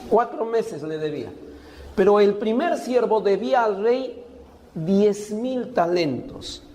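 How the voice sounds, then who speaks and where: A man's voice: sits high, lively intonation, slow pace, warm tone, big-room sound. A man preaching a sermon, often asking the congregation a question and answering it himself. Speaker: pastor.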